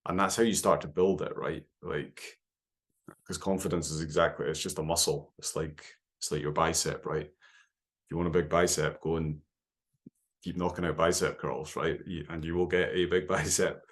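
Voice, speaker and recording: A man speaking as a podcast guest, telling stories in a relaxed, animated way and often ending points with "right?". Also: extremely low pitch, moderate pace. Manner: animated storytelling, frequent "right?" tags. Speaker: podcast guest, endurance runner. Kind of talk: casual conversation.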